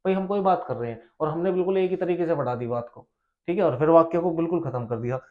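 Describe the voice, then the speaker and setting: A male teacher gives an exam-prep grammar lesson, his voice set a little high. He asks and answers his own questions and repeats each key term. The recording sounds dull and lo-fi. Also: fast talker. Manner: explains with rhetorical questions, repeats key terms.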